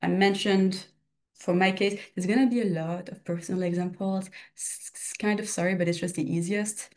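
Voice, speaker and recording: Speaking at normal speed in a medium-pitched, darkish voice with fairly even intonation, a young exam tutor with a slight Belgian French accent delivers a relaxed, recorded exam-prep lecture. She leans on personal examples and often corrects herself.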